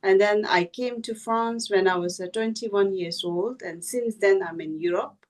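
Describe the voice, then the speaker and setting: A woman's voice: medium pitch, unhurried. Middle-aged woman from India, native Tibetan speaker, chatty and self-effacing, sits back from the mic on a call. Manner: modest, laughing, chatty with many fillers. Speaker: guest speaker and translator. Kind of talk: casual personal introduction. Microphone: video call. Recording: voice distant from the mic.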